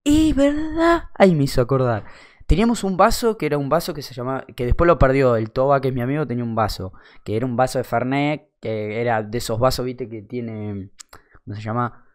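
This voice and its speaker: Talking fast at a medium pitch, a young Argentine man relates a humorous anecdote in his Rioplatense accent. He keeps it casual, swearing freely and using slang.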